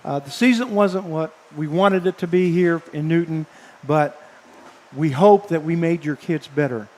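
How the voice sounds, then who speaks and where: A man broadcasting baseball, signing off live from the press box, speaking haltingly and earnestly with many fillers, emotional and choked up. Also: fairly high pitch, a little mellow. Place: press box above a ballpark. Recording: long hall-like reverb.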